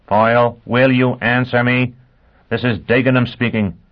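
A man's voice: medium pitch, little pitch movement, measured pace, lo-fi sound, pitched above the performer's own voice, close to an everyday voice. A man voicing a controlled, menacing commander calling over the radio. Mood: commanding.

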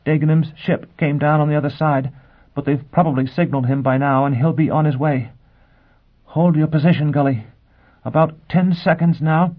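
A man voicing a desperate young woman in space, pleading in a high, strained voice. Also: fairly even intonation, a little fast, few pauses, breathy edge, narrow, tinny audio. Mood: urgent.

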